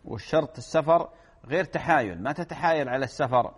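A middle-aged man, an Islamic scholar, giving steady, explanatory answers to listener questions and quoting scripture on a religious Q&A program. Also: mid-range voice, fast, slightly rough.

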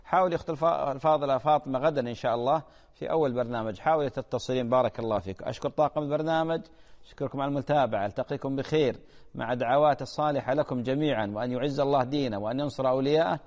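A man's voice: medium pitch, very fast, darkish tone, big-room sound, lo-fi sound. A man hosting a religious call-in show, patiently advising listeners and repeating key points. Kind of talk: answering listeners' religious questions.

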